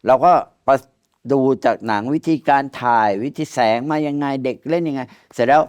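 Older male guest, storyteller type, rough-tongued and jokey, mid-range voice. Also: mid-range voice, a little fast, a little mellow. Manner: blunt, coarse, laughs through his anecdotes. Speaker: veteran film director, guest. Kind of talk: casual storytelling chat.

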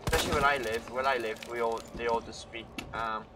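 A young man from Wales rambles to his chat in casual live-stream commentary while gaming indoors at home with a headset on. He talks fast in a mid-range voice with fairly even intonation, over very noisy audio.

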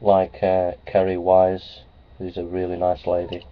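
In a small office hung with framed certificates, a middle-aged vlogger speaks a little slowly in a low, monotone voice to a close webcam. His talk is plain and repetitive, peppered with ums, uhs, and repeated phrases. The lo-fi webcam audio sounds dull, with faint hiss.

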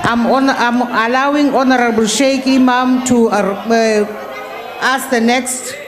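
A woman's voice: on the high side, steady tone, slow pace, crowd noise. A middle-aged woman with a South African accent chairing a parliament session in a formal, firm manner, at times raising her voice to keep order. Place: large parliamentary chamber. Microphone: desk microphone.

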